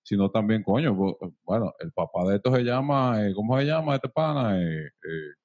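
A man's voice: lowish voice, animated, normal speed, a little mellow, dull audio. A man hosting an interview, rambling and searching for words as he asks his questions. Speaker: interview host. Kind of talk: casual interview chat.

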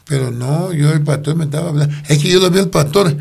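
An older man gives a rambling personal testimony, often breaking off and restarting his sentences. His voice is gravelly and husky, sitting a little high for a man. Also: fast talker, darkish tone. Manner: rambling storytelling with frequent restarts. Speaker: interviewee telling his life story.

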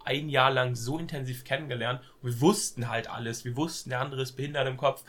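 This young man has a cold and talks casually as a podcast co-host, full of hesitation, filler words, and young slang. He speaks quickly in a mid-range voice with fairly even intonation and a rather bright tone.

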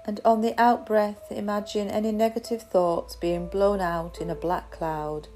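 A woman guiding a crystal meditation in a slow, soft, soothing way. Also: mid-range voice, flat delivery, faint music behind. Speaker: meditation guide.

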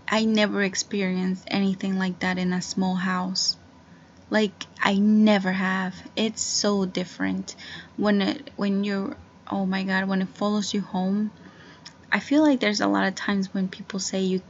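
A woman's voice: medium pitch, dull audio, a little hiss or hum. A woman in her twenties rambling through a casual solo podcast, with lots of fillers and restarts. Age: 20s. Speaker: podcast host.

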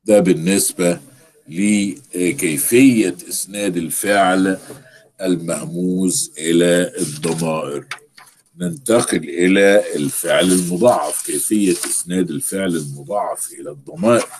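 A man teaching Arabic grammar with an Egyptian accent. He explains step by step and repeats words slowly for stress. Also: low-pitched, darkish tone, a little hiss or hum. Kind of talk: recorded grammar lesson.

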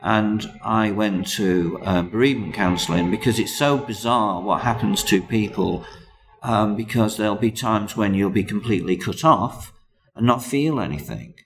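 A man, a comedian chatting as a guest, hesitant with many pauses and restarts. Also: on the low side, a bit bright. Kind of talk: casual interview chat.

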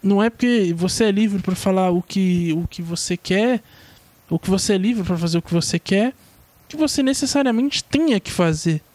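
A man's voice: high-pitched, moderate pace, a little mellow. A young man with a Brazilian Portuguese accent giving a rambling, slangy opinion monologue full of swearing.

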